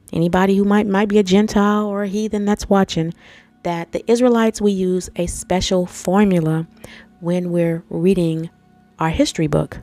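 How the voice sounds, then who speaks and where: A Bible teacher with a fairly low, warm voice reads scripture and explains it casually to viewers she calls family and guys, her nose stuffy from allergies. The recording is dry.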